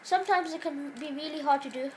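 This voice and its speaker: A gaming channel host, a woman, talks fast in a high pitch while rambling casually over gameplay. She is sick, so she sounds nasal and pauses for coughs. A phone pointed at a TV in a dark room captures it, with slight background noise.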